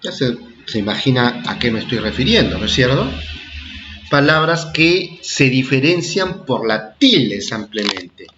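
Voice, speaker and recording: In this recorded children's lesson, a man speaks at medium pitch in a sing-song, slightly bright way, over dull audio with soft music behind him. He teaches primary schoolers slowly and repetitively, pausing to ask "¿ah?" or "¿de acuerdo?" to make sure they understand.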